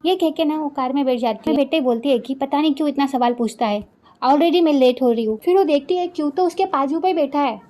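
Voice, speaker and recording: A woman's voice: high-pitched, fairly quick, mellow. A woman casually narrating a drama recap, retelling scene after scene in a chatty way and quoting each character's lines. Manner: chatty, retells each line with "then she says".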